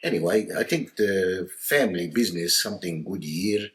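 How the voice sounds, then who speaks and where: A man with a lowish voice chatting casually with a partner on a travel vlog. He spins jokes with a playful, deadpan delivery. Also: moderate pace. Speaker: co-host, joke teller. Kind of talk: casual chat and joke telling.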